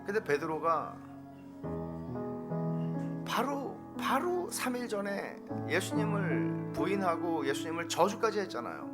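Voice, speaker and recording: A middle-aged man preaches from the pulpit in a slightly high voice. He pushes some phrases up to a near-shout and lets others sink to a whisper as he speaks straight to the congregation. Gentle piano and guitar play clearly underneath him. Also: very animated, a little slow. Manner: swings from shouting emphasis to hushed whispered intensity. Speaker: pastor. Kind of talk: sermon. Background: soft piano and guitar music.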